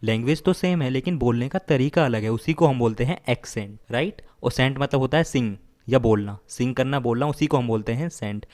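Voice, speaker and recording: A male teacher walking learners through word roots, mixing two languages. He restates every meaning several times and checks in with a quick "right?". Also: medium pitch, darkish tone. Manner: explains slowly, repeats meanings, asks "right?". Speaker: vocabulary teacher. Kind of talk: bilingual vocabulary lesson.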